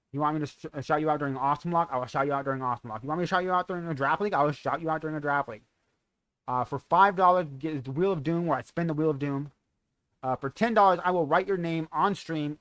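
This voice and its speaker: A man's voice: on the high side, fairly bright tone, clear, resonant tone, dry recording. A young man, a streamer, casually running through his donation tiers and schedule, rambling and correcting himself as he goes.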